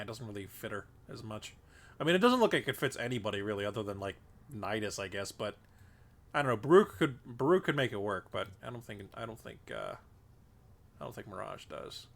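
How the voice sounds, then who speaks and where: This is casual gameplay commentary from a man with a gravelly, mid-range voice. He sounds congested and thinks aloud on stream, filler words piling up as he rambles into a desk mic.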